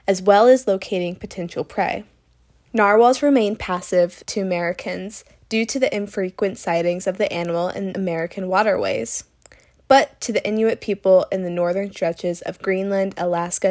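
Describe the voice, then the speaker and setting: A woman's voice: mid-range voice, darkish tone. A woman reading scripted narration in the manner of a nature documentary.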